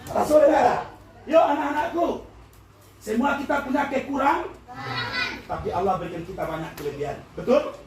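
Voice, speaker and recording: A man with a Minangkabau accent giving a lively religious talk at a school event, quizzing the audience and often shouting and laughing. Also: very high-pitched, brisk, pauses often. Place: large indoor hall with an audience. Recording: echoey hall, far from the mic, with a crowd and noise.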